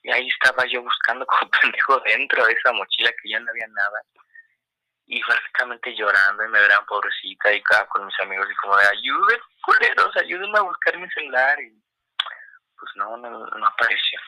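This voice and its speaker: A young man with a Mexican accent tells a story with lots of energy. He swears and does the voices of the people in it, and his lower voice has a very bright, sharp edge. It is recorded close and dry, with no room sound. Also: fairly quick, no echo, low-quality recording. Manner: animated, swearing, acts out quoted voices. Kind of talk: casual storytelling.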